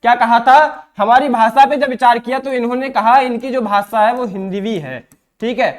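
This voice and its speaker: A man's voice: very high voice, normal speed. A male teacher with an eastern Uttar Pradesh Hindi accent giving an exam-prep lecture, often asking questions and answering them himself. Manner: repeats himself, asks and answers his own questions.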